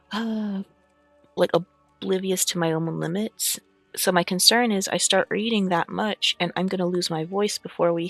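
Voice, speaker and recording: Streamer, casual and rambling, reading a story aloud, hiccups, gravelly, dry close sound. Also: medium pitch, a bit bright, no room sound. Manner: chatty, rambling, with frequent fillers and throat clearing. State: has the hiccups. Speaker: streamer and VTuber reading lore books.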